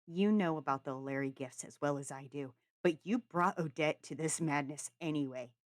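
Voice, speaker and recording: A woman reading aloud and voicing an angry young man who shouts accusations at his brother. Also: sits low, normal speed, no room sound, close to an everyday voice. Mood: furious.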